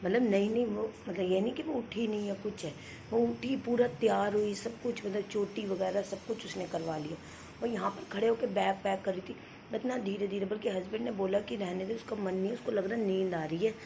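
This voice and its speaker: A woman's voice: mid-range voice, fairly quick, gravelly, warm tone, slight background noise. A woman in her thirties vlogging at home with a phone camera, telling a long family story in a chatty way and acting out what everyone said. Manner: chatty storytelling, retells family talk in quotes. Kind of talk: casual home vlog chat.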